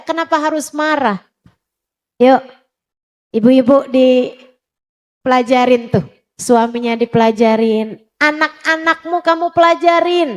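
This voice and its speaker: A woman preacher giving an emphatic sermon to women, addressing them directly and repeating her points. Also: sits high. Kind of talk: sermon to a women's study group.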